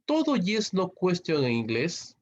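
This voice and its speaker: A man's voice: high-pitched, huge pitch swings. Peruvian man teaching English grammar. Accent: Peruvian Spanish. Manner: explains slowly with tag questions. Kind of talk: recorded online lesson. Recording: dull lo-fi recording.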